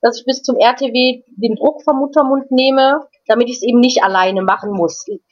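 A woman guest in an interview, telling a personal story in a casual, halting way with frequent restarts and repeated words. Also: a little high. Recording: dull lo-fi recording.

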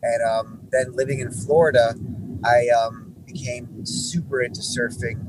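A man's voice: medium pitch, unhurried. Young guy rambling through his faith story, lots of restarts, noise in the background. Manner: relaxed, rambling with many restarts. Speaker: guest musician. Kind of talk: conversational faith testimony.

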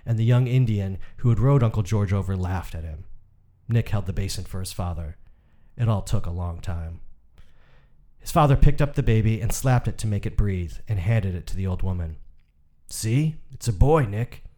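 A man giving a scripted literary narration, reading in a measured, unhurried way. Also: sits low, warm tone.

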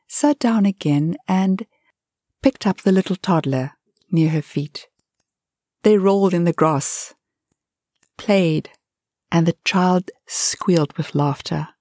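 A woman narrating a children's story in a gentle, unhurried way, sometimes dropping to a whisper. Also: on the low side, no room sound, studio quality.

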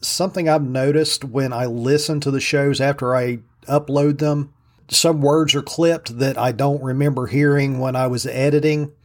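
A man's voice: mid-range voice, steady tone, normal speed. A man with an Appalachian-style Southern US drawl, hosting a casual solo podcast in a humble, self-deprecating way. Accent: Southern US hillbilly drawl, Appalachian-like.

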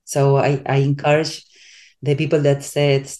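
Spanish-accented woman coach, slow and halting, warm mellow tone, casual interview guest. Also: a bass voice, monotone. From Spain. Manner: halting, searches for English words, many restarts.

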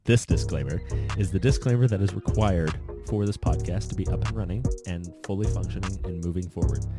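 A man reading a podcast's legal disclaimer aloud, briskly, with wry asides. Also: lowish voice. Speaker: podcast co-host. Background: loud background music.

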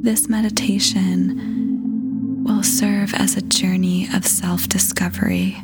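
With music in the background, a meditation guide speaks in a soft, breathy whisper-like voice. Her scripted delivery is unhurried and even-pitched, measured and calming, with long silences between phrases.

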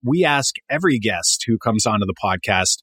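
Upbeat podcast host, dry close sound. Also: male voice, fairly low pitch, lively intonation, moderate pace, fairly bright tone, husky, no echo. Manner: upbeat, curious questioning. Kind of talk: podcast interview.

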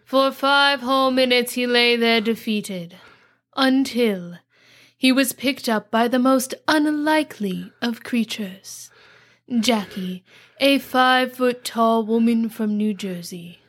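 A woman acts as a solemn, mystical fantasy narrator. The delivery is hushed and portentous, in the grand manner of an epic trailer, played as parody. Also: fairly high pitch, slow.

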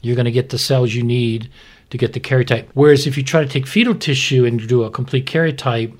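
Speaking a little fast with fairly even intonation, a man with a mid-range voice acts as a physician expert explaining to his co-host. His style is plain and didactic, and he often raises questions only to answer them himself.

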